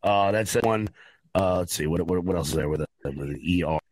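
A man's voice: sits low, fairly quick, no room sound, rough recording. A man with a Long Island accent, a guest chatting casually and easygoingly on a video call.

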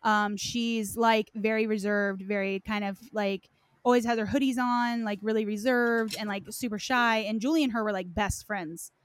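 Steady in tone and moderate in pace, a woman with a mid-range voice talks game lore in a casual podcast conversation. She hesitates a lot and keeps dropping in "like" as she phrases things loosely.

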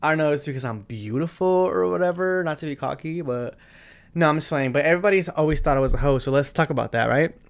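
A man in his twenties hosting a solo podcast, talking bluntly and profanely, with loud bursts and quiet asides. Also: on the high side, fast talker, gravelly. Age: 20s. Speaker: podcast host. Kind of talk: casual solo podcast chat.

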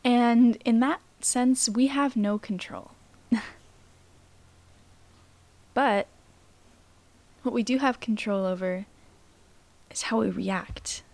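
A woman hosting a reflective mindfulness podcast, speaking gently with pauses and soft, breathy phrase endings, her voice slightly worn. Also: on the high side, no echo. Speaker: podcast host.

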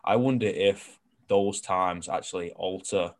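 This podcast host is a young man from somewhere other than New Zealand, with a low-sitting voice and a measured pace. He runs a casual interview, talking openly, wandering off track, dropping fillers and now and then a swear word.

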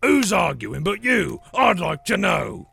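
A man voicing a quarrelsome, rough troll with a harsh, gravelly rustic voice for an audiobook. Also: a little high, big pitch swings, slow, pushed and bright, voice pushed up, full character voice. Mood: argumentative. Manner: bickering, ungrammatical rustic speech. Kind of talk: audiobook character voice.

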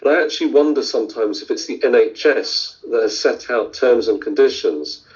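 A man's voice: medium pitch, moderate pace. A middle-aged man from India, a surgeon answering interview questions in a thoughtful way, with many fillers and restarts. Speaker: surgeon guest. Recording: dull lo-fi audio.

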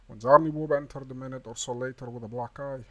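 A man reads a novel aloud as an audiobook narrator. His voice is mid-pitched. His reading is even and measured. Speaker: audiobook reader.

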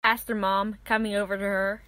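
A woman narrating a children's Bible story in a clear, even read-aloud voice. Her pitch sits in the middle range, and the recording is dry and close with no room sound. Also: moderate pace, no room sound.

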